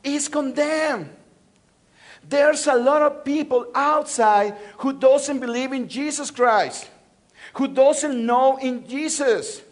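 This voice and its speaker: A pastor from Mexico City, with a Mexican Spanish accent and a very high voice, preaches slowly in a church. He uses call-and-response and repeated phrases, swinging between loud and soft.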